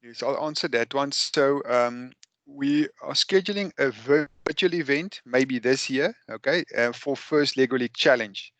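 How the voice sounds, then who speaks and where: South African man, webinar host on a video call, halting delivery, dry close sound. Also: mid-range voice, a bit bright, no room sound. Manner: halting, many fillers and restarts. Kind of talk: hosting an online webinar.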